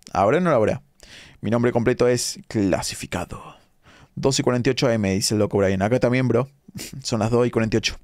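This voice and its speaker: A man's voice: mid-range voice, a little mellow, dry recording, clean studio sound. Chatty Argentine man live-streaming. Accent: Rioplatense Argentine Spanish. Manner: chatty, reads chat comments aloud, quick asides. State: tired late at night. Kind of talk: casual live-stream commentary reading chat.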